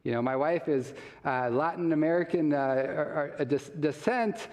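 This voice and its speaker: A man's voice: a little high, normal speed, darkish tone. A man giving a live health seminar talk, chatty and questioning the audience, chuckling often. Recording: long reverb of a large hall.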